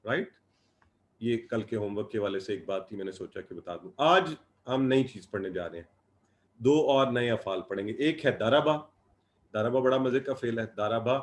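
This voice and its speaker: Man drilling Arabic verb forms slowly. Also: mid-range voice. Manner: explains patiently, drilling verb forms in slow repeated lists. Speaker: Arabic grammar teacher. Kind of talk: online class lecture.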